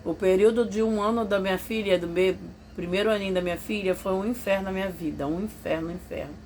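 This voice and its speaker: A woman's voice: mid-range voice, steady tone, quick pace, darkish tone, slight background noise. Woman confiding a hard past. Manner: confiding, emotional storytelling that acts out others' voices. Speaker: vlogger telling a personal story. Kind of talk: personal testimony to camera.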